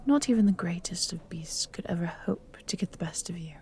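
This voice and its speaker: In a fantasy audio drama, a woman plays a cold, evil noblewoman, imperious, commanding and threatening in a deliberate delivery, with a coolly menacing mood. Her voice is on the low side, expressive and darkish, with a little hiss or hum.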